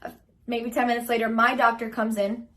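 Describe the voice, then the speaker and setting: A young woman with a slightly high voice rambles through a personal story, chatty and full of fillers. She acts out her own remarks as she goes. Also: flat delivery, a little fast, sharp tone. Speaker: vlogger telling her birth story. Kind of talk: casual storytelling.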